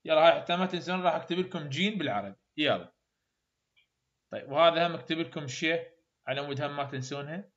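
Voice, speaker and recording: Iraqi-accented male phonetics teacher, high bright voice, slow drill repeats, muffled class recording. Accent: Iraqi Arabic. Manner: repeats sounds slowly, praises students often.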